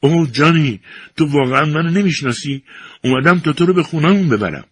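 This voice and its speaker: A man's voice: low voice, sing-song, gravelly, a bit bright, husky, no echo, exaggerated voice. A man voicing a desperate young woman calling out tearfully to her fiancé. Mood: pleading. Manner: pleading cries.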